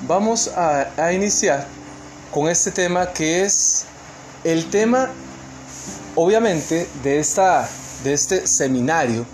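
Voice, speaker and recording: A Costa Rican man speaking to an online seminar, earnest and emphatic, often pausing on fillers and restarting his sentences. His voice sits somewhat high for a man, and a steady hiss of noise runs under the call. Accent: Costa Rican Spanish. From Costa Rica.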